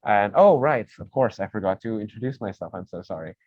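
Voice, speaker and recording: A man's voice: on the low side, expressive, a little fast, a little mellow, dry recording. A young man moderating a casual student video discussion, friendly and rambling. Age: young adult. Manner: friendly, rambling, self-correcting. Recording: dull dry lo-fi call audio.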